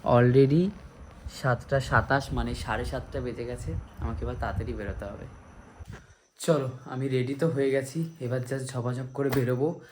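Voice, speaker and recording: A man's voice: mid-range voice, fairly even intonation, normal speed, a little hiss or hum. A man with a Kolkata Bengali accent, a vlogger and dance teacher, chatting casually in a rambling way and mixing in English phrases. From India. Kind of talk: casual vlog chat.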